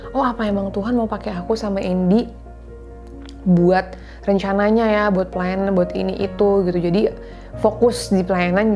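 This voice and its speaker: This thirties-aged vlogger has a mellow, mid-range voice, heard through dull audio. She gives heartfelt faith and marriage advice to her viewers, earnest and confiding, in a casual manner that blends in English words.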